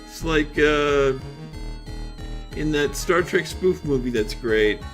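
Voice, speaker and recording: A man's voice: a little high, lively intonation, slow pace, soft background music. A man streaming a game, reading dialogue aloud with chatty asides.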